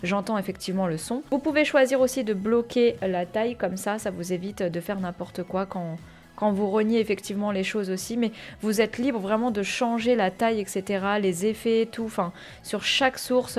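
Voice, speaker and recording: Chatty woman explaining streaming software. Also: medium pitch, normal speed, faint music behind. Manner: chatty, many fillers, addresses viewers as "les gars". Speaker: streamer giving a software tutorial. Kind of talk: casual screen-share tutorial. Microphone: headset or desk mic with earphones.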